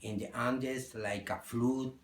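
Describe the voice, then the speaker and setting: A man from Peru with a Spanish accent, a guitarist answering interview questions in halting English. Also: mid-range voice, fairly even intonation, echoey room. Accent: Peruvian Spanish. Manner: halting, searching for English words. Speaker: guest guitarist. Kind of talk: interview conversation.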